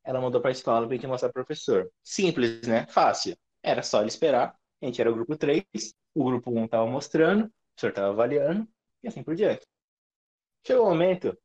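A young man, telling school stories on a podcast with animated swearing and sudden pitch leaps. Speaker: podcast host. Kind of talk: casual storytelling chat. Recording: dull lo-fi audio.

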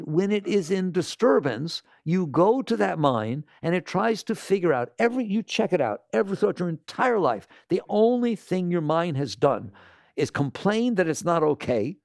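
A man giving an animated talk to an audience, scolding and asking rhetorical questions. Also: sits high, creaky, dry recording, clean studio sound.

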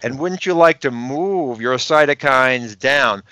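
A man's voice: mid-range voice, slow pace, pushed and bright, clear, resonant tone, no room sound. A man with a Boston accent, a podcast guest explaining health research in an emphatic way and asking rhetorical questions. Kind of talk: explanatory interview talk.

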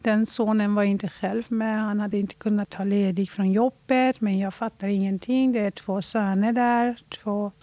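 A woman from Iran telling a personal story in an interview, reflective and halting, slowing down when she talks about her feelings. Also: mid-range voice, fairly even intonation, mellow, no room sound.

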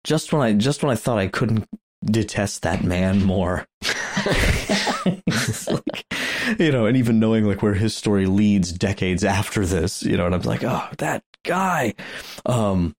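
Low-voiced chuckling man rambling on a podcast. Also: measured pace, a little mellow. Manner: rambling, chuckling, many restarts. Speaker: podcast co-host. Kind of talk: casual chat.

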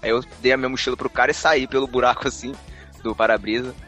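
On a podcast, a male co-host rattles off a personal story at a quick clip, with faint music playing underneath. His ordinary mid-pitched voice stays animated as he laughs often and repeats words in this casual storytelling chat.

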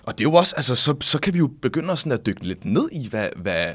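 A young man in his twenties, co-hosting a casual podcast chat and telling anecdotes in a lively way with frequent fillers. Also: medium pitch, husky. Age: 20s. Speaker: podcast co-host.

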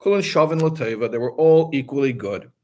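A man's voice: medium pitch, brisk, darkish tone. A man teaching a religious text to a class, talking in short bursts and stopping to explain each term. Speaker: Torah teacher.

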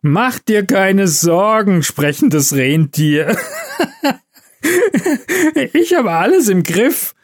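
A man's voice: a little high, sing-song, unhurried. A man voicing a giddy, stoned old Santa Claus who giggles and slurs his words. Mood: laughing. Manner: giggling, slurred mumbling.

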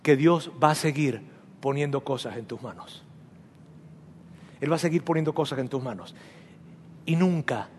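A man's voice: medium pitch, long reverb tail, a little hiss or hum. A man preaching a sermon as pastor, emphatic and repetitive, leading his congregation in spoken declarations. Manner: emphatic, repeats phrases, leads congregation in declarations. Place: church hall.

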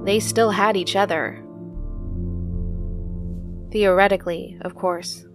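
A woman narrates a story in a calm, measured way. Her voice sits in an ordinary middle range. Faint music plays quietly behind her. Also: medium pitch.

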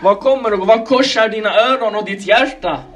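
A man's voice: high voice, a bit bright. A man preaching a sermon, calling his listeners brothers and sisters and pressing them with one rhetorical question after another. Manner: clears his throat now and then.

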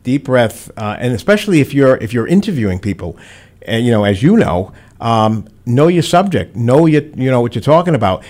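A middle-aged man, a veteran radio DJ giving rambling advice in a studio chat and telling stories with animated quoted voices. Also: medium pitch, moderate pace.

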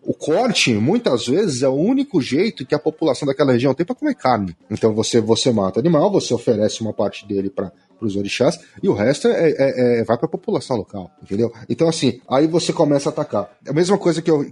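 A man's voice: mid-range voice, darkish tone, husky. A Brazilian man, a guest on a podcast interview, talking casually and emphatically and swearing when he gets annoyed. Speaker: podcast guest, umbanda practitioner.

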